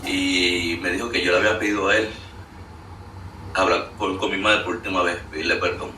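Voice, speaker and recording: Earnest man, low voice, testimony; echoey room, distant mic, faint noise. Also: steady tone, brisk, pushed and bright. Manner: earnest, storytelling with many fillers. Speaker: guest sharing a testimony. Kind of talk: emotional spoken testimony.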